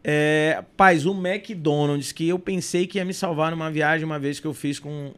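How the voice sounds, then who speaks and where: A man's voice: a little high, normal speed, clean tone. A young man, a podcast guest telling stories in casual chat and acting out the dialogue. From Brazil. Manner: animated, acts out dialogue. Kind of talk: casual storytelling.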